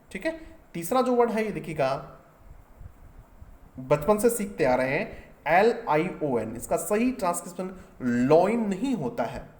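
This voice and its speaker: Male teacher, slightly raised voice, walks through each answer step by step and quizzes the class. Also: sits high. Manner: explains step by step and keeps asking the class questions. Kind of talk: exam paper solution lesson.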